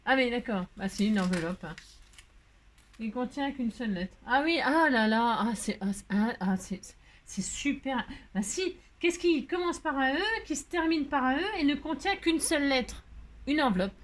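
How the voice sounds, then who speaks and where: A woman with a high voice chats casually while she crafts, rambling from one thing to the next and joking as she goes. She fills her talk with little fillers and sounds hot and a bit worn by the heat. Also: lively intonation, normal speed. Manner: rambling, playful, chatty with many fillers and jokes. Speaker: crafting vlogger.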